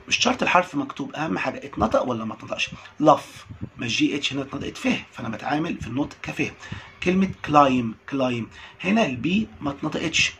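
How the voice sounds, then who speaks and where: A man with an Egyptian Arabic accent, teaching an English lesson and repeating words slowly for drilling. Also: mid-range voice, creaky, fairly bright tone, a little hiss or hum. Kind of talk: classroom lesson recording.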